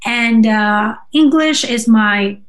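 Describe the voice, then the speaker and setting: Her voice a little high, a singer-songwriter who grew up speaking Russian and Georgian answers questions in an easygoing interview. Her speech comes haltingly as she gropes for words, checking with "right?" along the way.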